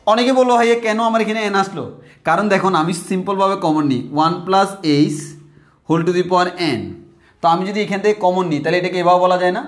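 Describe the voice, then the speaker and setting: A man tutoring math at a whiteboard, calling students brother, repeating phrases and slowing down on formulas. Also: high voice, echoey room. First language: Bengali.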